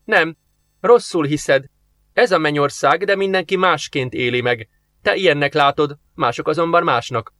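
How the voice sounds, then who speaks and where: A man's voice: fairly high pitch, sharp tone, no room sound, pitched above the performer's own voice. A man voicing a stern, impatient young angel who talks in a curt, commanding way, read for an audiobook. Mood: scolding.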